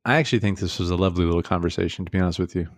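Young male podcast co-host, very low voice, loose and rambling, dry close mic. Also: very fast, no echo. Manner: rambling, many fillers and restarts. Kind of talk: casual podcast chat.

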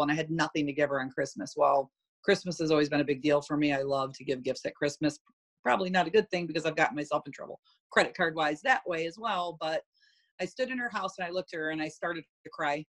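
A middle-aged woman with a fairly low voice recounts her own story to an interviewer. She talks candidly and with animation. She slips into the voices of the people in her tale. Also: fast. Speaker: interview guest. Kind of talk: personal story in conversation.

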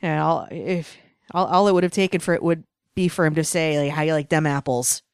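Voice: mid-range voice, fairly even intonation, a little fast, clear, resonant tone, no echo, clean studio sound. A speaker from Boston co-hosting a casual movie review chat, rambling and hedging, laughing often. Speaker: podcast co-host.

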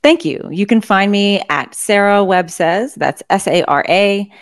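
A woman's voice: mid-range voice, unhurried, no echo, studio quality. A woman chatting casually as a podcast guest, upbeat and playful. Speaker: podcast guest, meditation coach. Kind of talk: casual interview chat.

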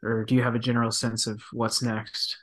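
A professional midfielder in his thirties talks softly and thoughtfully in a casual interview, with lots of fillers and restarts. His medium-pitched voice is brisk and completely flat in delivery.

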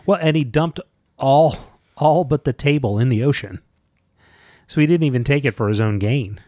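A man's voice: medium pitch, normal speed, mellow, dry recording. Man, casual book podcast co-host, jokey and playful, mid-range voice, dry close sound. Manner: jokey, bursts into silly sing-song bits.

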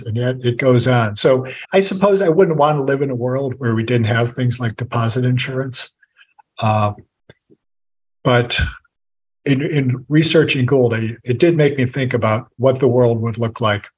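A male author as an interview guest, explaining history in a measured, storytelling way. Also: mid-range voice, slightly rough, poor audio. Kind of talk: podcast interview conversation.

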